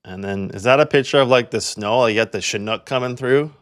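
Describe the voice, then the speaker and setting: A man's voice: medium pitch, fairly quick. A young man from Canada hosting a casual real estate walkthrough, chatty and full of "like" fillers. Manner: chatty, filler-heavy, lots of "like". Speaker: real estate agent and video host.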